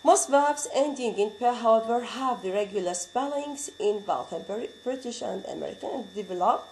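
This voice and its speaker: Woman teacher, Arabic accent, mellow voice, patient and repetitive lecture delivery. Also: a little high, lively intonation, a little hiss or hum, rough recording. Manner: explains slowly, repeating words and reading out examples; switches into Arabic to explain. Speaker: English grammar teacher. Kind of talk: classroom lecture.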